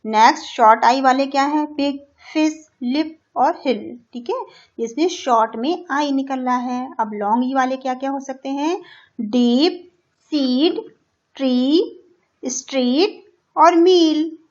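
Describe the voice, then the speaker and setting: A woman teaching a primary school English lesson. She reads the English lines slowly and loudly, explains each word in Hindi and checks in with "theek hai". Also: sits high. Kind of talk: classroom lesson for young children. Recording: dull lo-fi recording.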